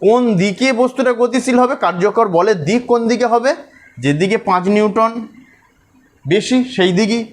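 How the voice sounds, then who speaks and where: A man's voice: sits high, normal speed. A man teaching a school physics lesson, working through forces step by step and checking that pupils follow.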